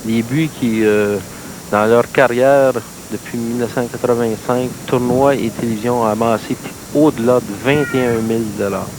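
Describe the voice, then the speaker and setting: A man's voice: mid-range voice, steady tone, moderate pace. Quebec male golf-style analyst, noisy old broadcast. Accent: Quebec French. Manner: informal, explanatory. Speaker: color analyst. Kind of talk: golf-commentator style analysis of a mini-putt match. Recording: noisy late-1980s TV sports recording.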